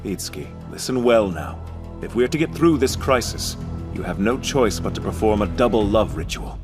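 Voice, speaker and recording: A man voicing a calm, serious adult adviser in an anime English dub, explaining steadily. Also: lowish voice, moderate pace, music in the background, lightly acted.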